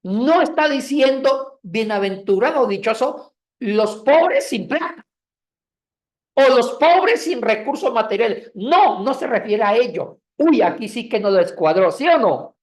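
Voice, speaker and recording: A woman leads a Bible lesson in a classroom. Her pitch jumps around a lot as she explains and jokes with the students. The room is echoey. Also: unhurried, recorded from a distance. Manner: lively, calls on students by name, jokes. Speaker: Bible teacher.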